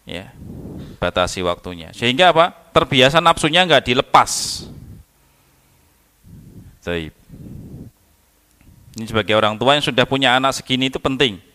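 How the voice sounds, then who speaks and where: A man giving a religious study lecture in a conversational, animated way, acting out children and parents as he talks. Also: medium pitch, moderate pace, long pauses, clean tone. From Indonesia. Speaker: Islamic teacher.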